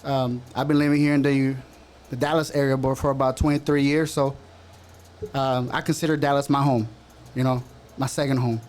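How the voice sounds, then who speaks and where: A man's voice: mid-range voice, level tone, moderate pace, a little mellow. A man from El Salvador in his thirties co-hosting a casual sports podcast, chatty and teasing. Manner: laid-back, chatty, teasing. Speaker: podcast co-host.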